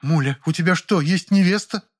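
A man's voice: sits high, moderate pace, pitched above the performer's own voice. A man playing a stern, overbearing middle-aged mother. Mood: indignant. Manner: strict, categorical, interrogating.

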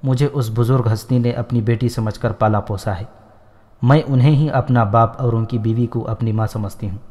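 A man's voice: mid-range voice, fairly even intonation, dark tone, lightly acted. A man reading the lines of an innocent, playful young woman in a storybook, in a simple, artless manner. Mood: tender. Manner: simple, artless speech with quick wit. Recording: long hall reverb.

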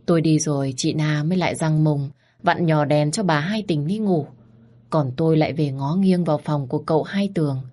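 A woman narrating a first-person story in a steady, dramatic way. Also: deep voice, moderate pace.

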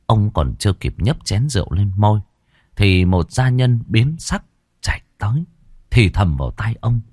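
A man narrating a scripted horror story in a dramatic, expressive way. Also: lowish voice, dry recording, studio quality.

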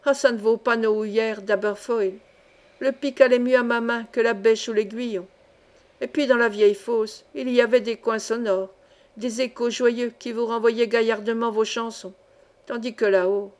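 A woman's voice: a little high, fairly even intonation, normal speed, lightly acted. A woman reading as a jovial young ex-miner. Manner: jovial, chatty. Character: cheerful man of twenty-five, singing ex-miner.

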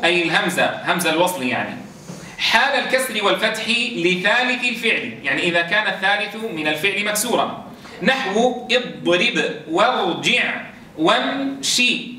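A man teaching a class on Quran recitation rules. He explains step by step, slowly drawing out sounds to demonstrate and often checking with his students. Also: high-pitched, expressive, pushed and bright. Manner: keeps checking understanding with quick questions to students. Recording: echoey room, voice from a distance, faint noise.

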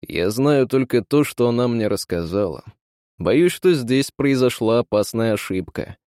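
A calm gentleman with a steady, soothing way of talking, as a male narrator reads him. Middle pitch, recorded dry and close. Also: a little slow, smooth, dry recording, lightly acted.

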